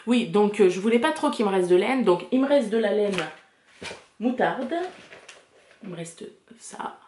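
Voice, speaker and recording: A woman's voice: medium pitch, expressive, unhurried, a little mellow, slight background noise. A woman in her thirties hosting a knitting video podcast at home, chatting casually to camera and rambling with many fillers and restarts. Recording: echoey home room.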